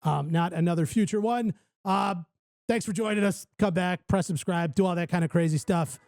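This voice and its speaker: A man with a high-pitched voice hosts a casual chat show. He banters and jokes in a creaky tone, recorded very dry. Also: normal speed, a little mellow, no echo, soft background music. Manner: joking, banters with the panel. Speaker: talk show host.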